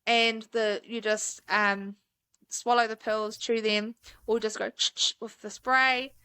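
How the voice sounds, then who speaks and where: A woman talks as a guest on a podcast, enthusiastic and chatty, full of "um"s. Her voice is bright and clear, and the sound is dry and close. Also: on the high side, level tone, takes it slowly, no echo. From New Zealand. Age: 30s. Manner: enthusiastic, chatty, many fillers. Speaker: mountain guide, podcast guest. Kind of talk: casual interview chat.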